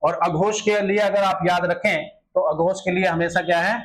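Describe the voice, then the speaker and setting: High-voiced man teaching grammar. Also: steady tone, normal speed, a bit bright, rough recording. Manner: repetitive, explanatory, many rhetorical questions. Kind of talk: exam-prep grammar lesson.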